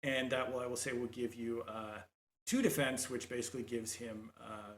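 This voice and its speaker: A man running a tabletop game as game master, talking in halting bursts full of fillers and restarts. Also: medium pitch, fairly even intonation, a bit bright, echoey room.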